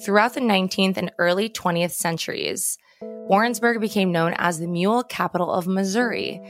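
An American woman co-hosting a podcast reads scripted true crime narration in a mid-range voice at normal speed. She poses dramatic questions, with music playing behind her voice.

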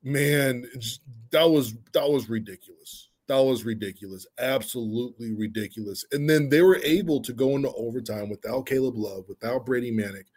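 Male sports podcast guest, average pitch, excitable, repeats lines for punch. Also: breathy edge. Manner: excitable, repeats phrases for emphasis. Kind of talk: casual sports chat.

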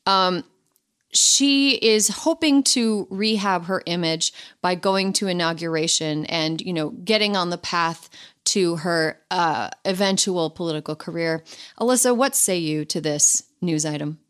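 A woman's voice: on the low side, unhurried, a bit bright, clean tone. A woman hosting a podcast in casual chat, wry and sarcastic, with plenty of profanity. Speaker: podcast host.

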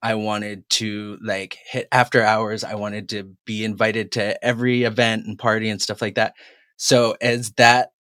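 In a studio recording free of echo, a New England guest from Massachusetts, in his forties, reflects openly on his life story with frequent fillers. His low, smooth, slightly bright voice is flat in delivery and measured in pace.

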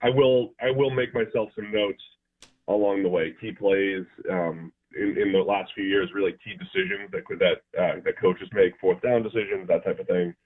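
A man calling in as a guest football analyst, talking in a relaxed way with many fillers. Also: deep voice, moderate pace. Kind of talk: phone-in interview. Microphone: phone. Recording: tinny phone line.

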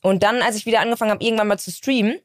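A woman's voice: fairly high pitch, racing, no room sound, studio quality. Candid young woman from Bavaria. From Bavaria, Germany. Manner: candid, laughs easily, relaxed storytelling. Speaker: streamer guest. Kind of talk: casual podcast chat.

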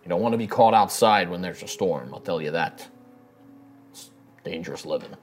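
A weathered rustic elf man acted out by a male game master speaks low and plainly, with folksy country phrasing. He is a wary, gruff local in a tabletop fantasy game, with faint music under him. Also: expressive, normal speed. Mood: plain, warning. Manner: plain-spoken folksy rustic talk, ain't and afeared. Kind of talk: in-character tabletop role-play.

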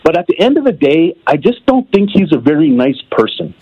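A man's voice: a little high, big pitch swings, a little fast, a crowd in the background. A man calling in over the phone, giving loose, opinionated talk with fillers. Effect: heard over the phone. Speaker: caller. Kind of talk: casual call-in chat. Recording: muffled phone line.

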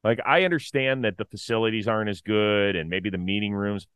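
A middle-aged man co-hosting a casual sports talk show, animated and opinionated, full of quick asides. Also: on the low side, clean tone, no echo. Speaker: podcast co-host.

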